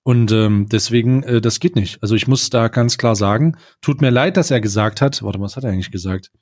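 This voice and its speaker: A man co-hosting a podcast in relaxed, casual conversation. His humor is dry and wry, delivered at an ordinary middle pitch. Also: fairly quick. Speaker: podcast co-host. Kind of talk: casual chat.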